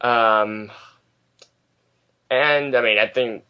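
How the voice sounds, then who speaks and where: A young American man chatting as an interview guest, middle-pitched and unhurried. He rambles, fills gaps with ums, and perks up whenever he gets excited about something he loves. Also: smooth, lo-fi sound. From United States. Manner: rambling, hesitant with many ums, enthusiastic. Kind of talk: casual interview chat.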